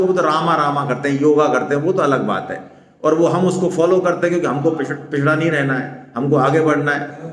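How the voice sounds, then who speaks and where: A man with a Rajasthani Hindi accent gives a Gita seminar talk, explaining patiently and often checking "है ना?" with his listeners. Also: mid-range voice. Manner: explanatory, stresses syllables slowly, asks "है ना?" often. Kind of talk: religious discourse to a seminar audience. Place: seminar hall. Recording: echoey hall with long reverb.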